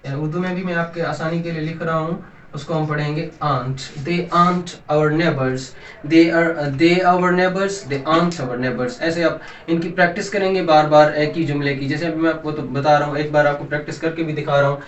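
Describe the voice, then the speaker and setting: A man's voice: fairly high pitch, level tone, fairly quick. A man teaching an English grammar lesson, patiently repeating examples with polite asides. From Pakistan. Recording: echoey room, distant mic, faint hiss.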